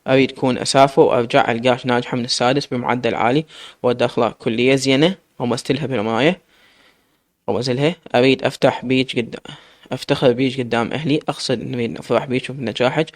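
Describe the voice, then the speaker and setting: A man's voice: mid-range voice, fairly even intonation, fast, no echo, clean studio sound, lightly acted. A man with an Iraqi accent voicing a teenage girl who earnestly lectures her younger sister. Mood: earnest lecturing. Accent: Iraqi Arabic.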